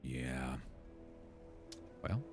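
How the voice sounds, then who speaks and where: With a rumbling low voice, he sounds animated and stretches his words out. He's a gaming content creator reading quest text and thinking aloud in laid-back commentary, while game music and sounds play faintly in the background.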